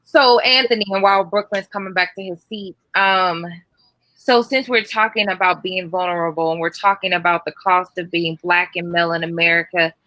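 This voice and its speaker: Host, woman, measured and thoughtful, bright tone, dry recording. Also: on the low side, dry recording, poor audio. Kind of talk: podcast discussion.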